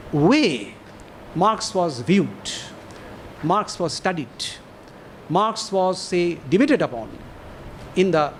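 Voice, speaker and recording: Slow, animated Indian-accented male lecturer. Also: high voice, slight background noise. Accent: Indian English. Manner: deliberate, poses rhetorical questions, measured pauses. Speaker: professor giving a lecture. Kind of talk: academic lecture. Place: lecture gathering with an audience.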